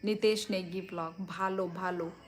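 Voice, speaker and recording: Middle-aged woman, unhurried livestream chat, phone mic at home. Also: lowish voice, fairly even intonation. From Tripura, India. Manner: slow, easygoing, answers viewers one by one. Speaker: livestream host. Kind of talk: casual live chat reading comments. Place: home at night.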